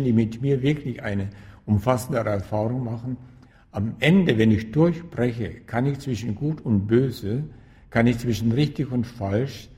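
A man speaks as a spiritual teacher in an interview, at a middling pitch. He is deliberate and emphatic and restates his central points to stress them. His voice carries a long, echoing hall reverb. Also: darkish tone. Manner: emphatic, repeats key phrases for stress. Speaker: guest, spiritual teacher and author. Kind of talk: reflective interview answers.

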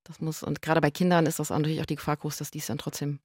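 A woman in her thirties, co-hosting a casual podcast and telling stories in a lively way. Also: sits low, rapid-fire, breathy edge, no room sound, clean studio sound. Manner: lively storytelling, acts out quoted voices. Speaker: podcast co-host. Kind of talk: casual chat.

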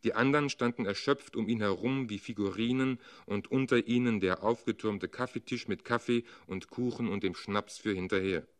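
A man reading a literary story aloud as narrator, with expressive, dramatic delivery. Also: on the low side, normal speed, hardly any pauses.

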